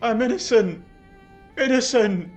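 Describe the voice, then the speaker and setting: A man's voice: very high voice, a little slow, darkish tone, faint music behind. An actor playing a desperate jailed young husband, pleading his innocence in an audio drama. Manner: pleading, anguished, breaking into outbursts. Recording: faint background noise.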